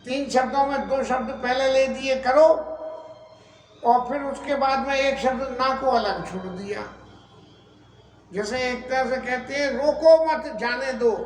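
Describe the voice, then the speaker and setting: A middle-aged man giving a devotional scripture discourse, telling the story slowly and deliberately with long pauses. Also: very high voice, slight background noise. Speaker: Ram katha preacher. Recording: roomy echo with faint ambience.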